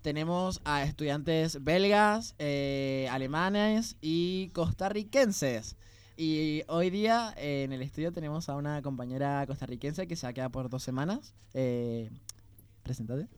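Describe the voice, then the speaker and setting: A man's voice: a little high, measured pace, smooth. A teenage boy with an Argentine accent hosting a student radio show, interviewing a guest in a school studio with many fillers and restarts. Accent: Argentine Spanish. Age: teens. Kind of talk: casual interview.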